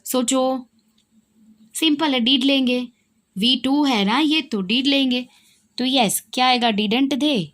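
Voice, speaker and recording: A woman's voice: high-pitched, takes it slowly, pauses often, fairly bright tone. A young woman with an Indian accent teaching an English grammar lesson, asking her students questions and answering them herself. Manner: asks questions and answers them herself, repeats key points.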